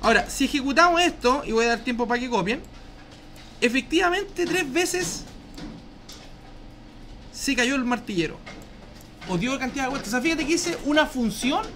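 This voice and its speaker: A man's voice: extremely high pitch, expressive, normal speed, long pauses, bright, forceful tone, a little hiss or hum. A male programming teacher with a Chilean Spanish accent, explaining casually in a live class and asking "¿ya?" after each point. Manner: slangy, chatty, asks "¿ya?" often.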